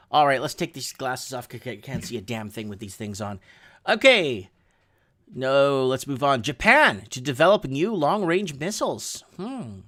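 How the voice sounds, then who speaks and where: Reading headlines on his livestream, this middle-aged man, whose native language is Portuguese, comments casually and wanders into sarcastic tangents. He speaks at a medium pitch with a fairly bright tone.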